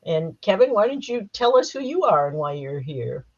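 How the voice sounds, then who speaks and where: Hoarse woman getting over a cold. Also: on the low side, sing-song, normal speed, darkish tone, lo-fi sound. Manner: chatty, wry, lecturing. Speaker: panel moderator and Halloween historian. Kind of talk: panel discussion on a live stream.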